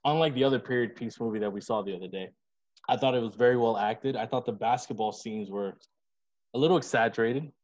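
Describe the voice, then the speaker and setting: A man's voice: mid-range voice, quick pace, darkish tone. A man co-hosting a casual podcast chat, talking in a loose, profane and jokey way. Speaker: podcast co-host. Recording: slightly dull lo-fi sound.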